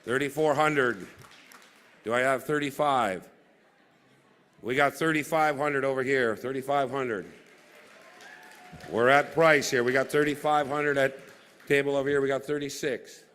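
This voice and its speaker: A man's voice: mid-range voice, unhurried, long pauses, a bit bright, big-room sound. A man working as a charity banquet auctioneer, calling and repeating bids in an informal, repetitive way. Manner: informal, repetitive bid-calling with self-corrections. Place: live banquet event room.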